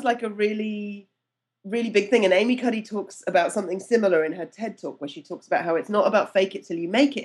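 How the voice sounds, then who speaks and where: A woman coach talking on a podcast in a mid-pitched voice, lively and self-deprecating. She laughs easily and slips into little voices to act out what people said. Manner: lively, acts out quotes with changed voices. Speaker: guest, networking mentor and storytelling coach. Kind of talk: casual podcast conversation.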